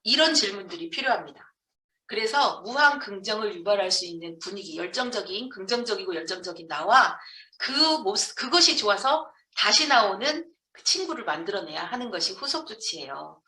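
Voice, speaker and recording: Animated and brisk, this woman speaks at medium pitch with a sharp tone. She is from Jeonju, South Korea, lecturing an audience on motivational business training and emphatically answering her own questions, recorded through a distant microphone in an echoey room.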